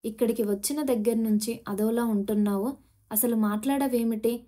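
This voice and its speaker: A stern, worried mother from an audio storybook, as a woman narrator puts her on, speaking firmly and scolding. Her voice sits somewhat high with a mellow tone. She presses her words and asks pointed questions. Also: steady tone, normal speed, close to an everyday voice. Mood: pleading. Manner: scolding, firm.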